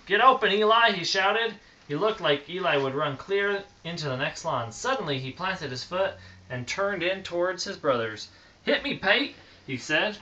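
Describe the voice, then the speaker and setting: A dad's bedtime story is captured on a phone in a noisy home, with dull-sounding audio. Reading a picture book aloud, he stops to answer his small child's questions about the pictures they point to. His voice is a bit high, bright, and forceful.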